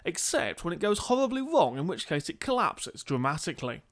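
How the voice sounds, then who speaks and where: A man's voice: on the high side, very animated, fairly quick, fairly bright tone. A man reading scripted comic narration in a dry, mock-dramatic way.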